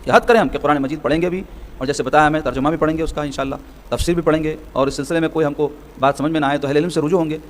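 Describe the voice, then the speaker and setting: A man's voice: fairly high pitch, steady tone. A man giving a sermon-style hadith lesson, explaining points step by step and asking rhetorical questions. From Hyderabad, South India. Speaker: religious scholar teaching hadith.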